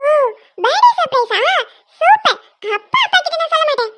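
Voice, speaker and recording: A woman voicing an excited, curious little girl in a cartoon, with chirpy, eager questions. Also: very high voice, normal speed, full character voice. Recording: dull dry sound.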